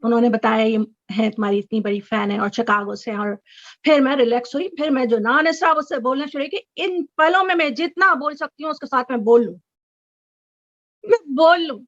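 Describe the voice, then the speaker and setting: A middle-aged woman telling an excited story as an interview guest on a video call, sometimes breaking into high squeals. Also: brisk, dry recording. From Chicago resident. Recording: dull, dry video call audio.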